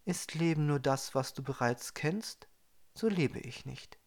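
A man voicing a calm, gentle female spirit who guards a star, speaking in a soft, measured way. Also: a little high, gravelly, heavily acted. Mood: serene.

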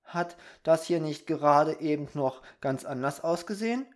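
A storybook reader voicing a small, wide-eyed boy who asks and wishes for things in an excited, eager way. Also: medium pitch, normal speed, natural voice.

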